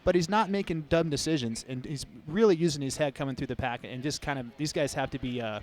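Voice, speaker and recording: A man hosting live race commentary, talking quickly in a chatty, upbeat way from an outdoor stadium. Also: a little high. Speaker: host.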